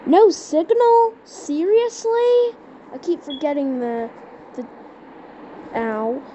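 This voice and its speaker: A high-pitched woman improvises an amateur skit with a mock emergency announcement, voicing a homemade emergency scenario. She is halting, repeating words as she searches for phrasing. The lo-fi audio is dull, with loud background noise.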